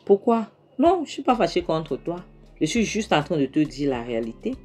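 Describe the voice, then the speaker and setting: Brief: bitter scolding aunt, played by a woman, sarcastic and cutting, low-pitched. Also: very animated, brisk, darkish tone, slightly rough, soft background music, full character voice. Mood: scornful. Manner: sarcastic rhetorical questions. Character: scolding middle-aged aunt, sharp and mocking.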